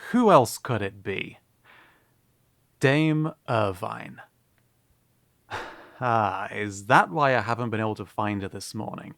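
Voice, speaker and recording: A man's voice: lowish voice, animated, slow pace, creaky, pauses often, fairly bright tone, no echo, studio quality, full character voice. An actor playing a young prince who fears his father, laughing nervously and then giving firm orders in a fantasy audio drama. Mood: commanding. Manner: nervous laughing, turns commanding.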